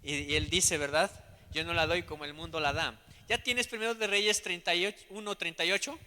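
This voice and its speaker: High bright preacher in a reverberant church. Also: male voice, fairly even intonation, a little fast. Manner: preaching with loud swells and questions to the congregation; drops to a soft aside tone between shouted passages. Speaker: pastor. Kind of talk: sermon. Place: church sanctuary. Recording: long church hall reverb.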